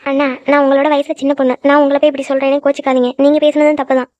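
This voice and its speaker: A woman's voice: high voice, flat delivery, very fast, a little mellow, dry recording, close to an everyday voice. A woman voicing a hot-tempered young woman in a cartoon who lectures her friends at length. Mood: scolding. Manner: scolding, lecturing, then frightened. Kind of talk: cartoon voice acting. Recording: dull lo-fi dry recording.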